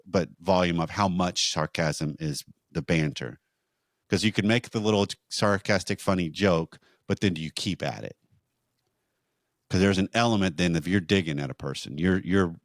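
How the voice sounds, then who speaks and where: A man co-hosting a marriage podcast, teaching in a measured, explanatory way with rhetorical questions. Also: deep voice, dry recording, clean studio sound.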